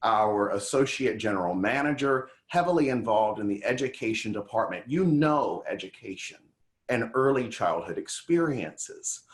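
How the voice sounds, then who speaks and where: A TV show host conducts a conversational interview, speaking earnestly, effusively, and affirmingly. His voice is on the low side and animated, at a normal speed.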